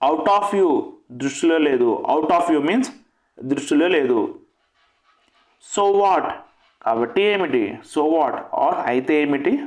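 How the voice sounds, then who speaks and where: A man teaching spoken English, saying each short English phrase, giving its meaning and repeating it. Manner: lifts his pitch on the English phrases. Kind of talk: language lesson with repetition. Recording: echoey room.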